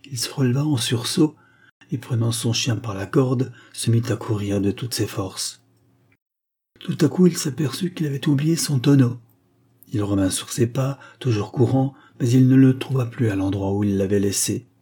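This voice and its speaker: A man reading a short story aloud as an audiobook narrator, in a measured and expressive way. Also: medium pitch, husky. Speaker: audiobook reader.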